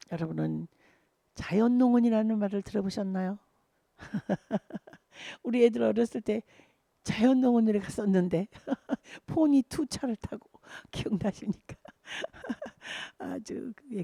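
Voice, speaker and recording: A woman's voice: medium pitch, expressive, slow pace, creaky, mellow, no echo. An older woman teaching a pop-song singing lesson, chatting, counting beats and singing lines to show her class. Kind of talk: singing lesson, explaining and demonstrating lyrics.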